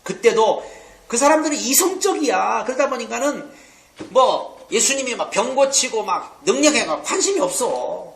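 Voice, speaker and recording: High-voiced, emphatic preaching man. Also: moderate pace, vocal fry. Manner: emphatic, animated, keeps asking "응?" and acts out quotes. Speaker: pastor teaching a theology lecture. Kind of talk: sermon-style Bible lecture. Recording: echoey room.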